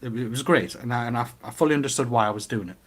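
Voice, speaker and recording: A middle-aged man with a Newcastle Geordie accent, chatting casually and giving his opinions in an animated way, with rhetorical questions. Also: medium pitch, very fast. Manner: animated storytelling with acted-out quotes and rhetorical questions.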